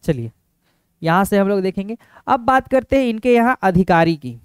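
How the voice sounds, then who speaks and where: A man teaching an exam-prep video lesson, repeating each point and asking viewers quick rhetorical questions. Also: sits high, very animated, clean tone, no echo, clean studio sound. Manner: calls viewers friends.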